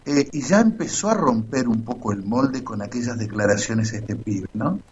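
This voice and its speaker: A man's voice: mid-range voice, lively intonation, normal speed, a little mellow, slightly rough. A man with an Argentine accent telling a story in casual radio commentary, acting out the quotes as he goes. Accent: Argentine Spanish. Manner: storytelling, quoting others animatedly. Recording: muffled lo-fi sound.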